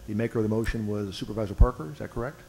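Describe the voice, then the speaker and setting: A man's voice: on the low side, rapid-fire, vocal fry, dark tone, low-quality recording. A man chairing a public board meeting, procedural, with a dry sense of humor. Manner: procedural, with dry joking asides.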